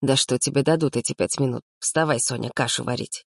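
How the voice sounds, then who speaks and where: A woman playing a bossy young guy, lowered voice, dry lecturing tone, storybook. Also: fairly even intonation, fairly quick, creaky, no room sound, exaggerated voice. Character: bossy, teasing young man running camp.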